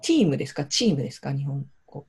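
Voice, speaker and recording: A woman in a casual podcast chat, speaking thoughtfully and softly, with frequent backchannels. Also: a bass voice, big pitch swings, quick pace, husky. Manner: thoughtful, soft-spoken, many backchannels.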